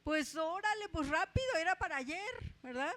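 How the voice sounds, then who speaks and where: A Mexican woman with a Mexican accent preaching a conversational sermon, often tagging her points with a quick aside and telling personal stories with humor. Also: very high voice, lively intonation, fairly bright tone. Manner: chatty, tags asides with ¿verdad?, tells personal stories with humor.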